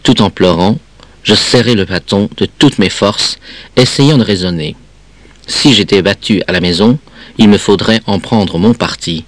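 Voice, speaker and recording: Low-voiced man reading a story. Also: unhurried, no echo. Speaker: reader.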